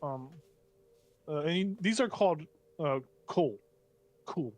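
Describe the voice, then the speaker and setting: A man narrating a tabletop game as game master, improvising descriptions in a halting, casual way with slangy asides. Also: a little high, lively intonation.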